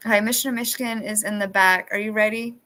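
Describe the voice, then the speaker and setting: Bright-voiced woman chatting on a live stream. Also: medium pitch, fairly even intonation, quick pace. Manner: rambling, with many restarts. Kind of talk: casual chat. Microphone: phone.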